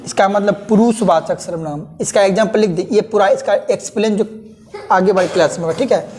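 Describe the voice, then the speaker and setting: A woman runs a classroom grammar lesson in a mellow, relaxed voice at a middle pitch. She repeats each term slowly and keeps checking that her students follow. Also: slight background noise. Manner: repeats terms slowly, checks understanding often. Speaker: English grammar teacher. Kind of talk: classroom lesson explaining pronouns.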